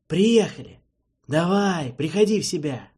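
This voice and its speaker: A man's voice: high voice, very animated, measured pace, darkish tone, husky, voice pushed up, exaggerated voice. A man voicing a brusque, mocking young airship crewman in an audiobook. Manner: curt, mocking. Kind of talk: audiobook character voice.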